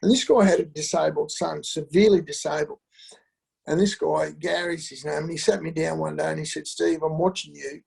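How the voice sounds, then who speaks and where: A middle-aged man telling his family story in an interview, halting and candid, with many fillers and restarts. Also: fairly high pitch, steady tone, gravelly, a little mellow, slightly rough, poor audio. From Australia. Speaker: interview guest.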